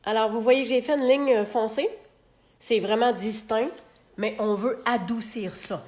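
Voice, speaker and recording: Slow-talking Québécois woman demonstrating crafts. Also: a little high, fairly even intonation, a little mellow, echoey room. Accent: Québécois French. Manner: chatty, talks to herself while working. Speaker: host of a live card-making demonstration. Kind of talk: live crafting tutorial. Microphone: phone held in a clamp.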